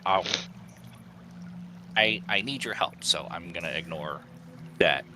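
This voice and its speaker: A man's voice: deep voice, lively intonation, background noise. A man voicing a scheming young male goblin lookout who is crude, pushy and foul-mouthed. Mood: plotting. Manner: wheedling, foul-mouthed, talks fast in bursts. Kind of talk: tabletop role-play.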